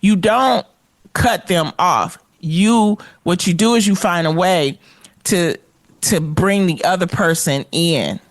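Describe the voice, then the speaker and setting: A woman co-hosting a talk show, telling a story in an animated, colloquial way. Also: fairly low pitch, slow, no room sound. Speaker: co-host and red carpet correspondent. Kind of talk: casual talk-show chat.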